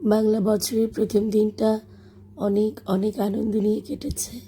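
A woman with a Bangladeshi accent and a hoarse, broken voice from illness, chatting through a vlog voice-over about a school celebration with many fillers. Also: medium pitch, little pitch movement, measured pace. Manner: chatty, warm about the children, frequent fillers. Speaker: schoolteacher and vlogger. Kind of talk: casual voice-over narration. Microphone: voice-over recorded separately.

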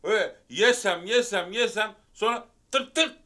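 A man's voice: high-pitched, moderate pace, sharp tone. A man in a sitcom playing a lazy, overfed friend, drawling silly ideas and groaning. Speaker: lazy, full friend musing after a meal. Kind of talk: sitcom comedy acting.

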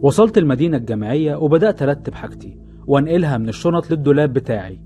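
A man's voice: on the high side, lively intonation, very fast, dark tone. A man with an Egyptian accent narrating scripted first-person horror stories in a suspenseful storytelling manner. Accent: Egyptian Arabic. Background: music under the voice.

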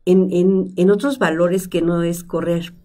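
A middle-aged woman, a psychologist guest, explaining calmly in a studio conversation and asking herself rhetorical questions. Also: fairly low pitch, measured pace, faint music behind. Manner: reflective, lists rhetorical questions. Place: studio with stone wall, seated at table. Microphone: desk microphone.

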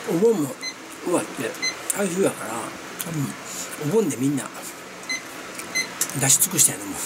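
Casual vlogger, woman with Kansai accent, very deep voice with lively swings, talking through mouthfuls as she chews. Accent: Kansai Japanese. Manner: chewing while talking, with pauses to eat. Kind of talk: casual solo chat while eating ice cream. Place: small cluttered room indoors. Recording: very noisy home recording.

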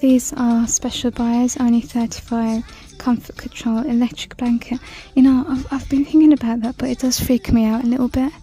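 Chatty woman with a mellow voice. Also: a little high, level tone, normal speed, few pauses, slightly rough. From United Kingdom. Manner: chatty, reads out prices, drops to soft whispers at times. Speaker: shopping vlogger. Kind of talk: casual shop-with-me commentary. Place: large indoor store. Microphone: handheld phone camera.

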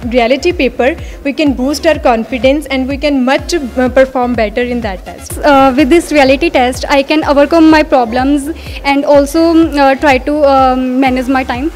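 A young woman student answering hesitantly, with frequent pauses, into a handheld mic. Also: high-pitched, darkish tone, soft background music. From India. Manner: hesitant, many fillers and restarts. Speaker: student test-taker. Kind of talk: vox pop answer. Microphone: handheld microphone.

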